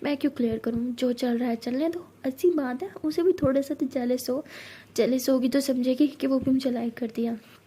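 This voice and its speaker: A woman's voice: high-pitched, fairly even intonation, normal speed, warm tone, husky. A woman storyteller voicing a playful, fun-loving young woman office worker with a whiny, playful way of talking.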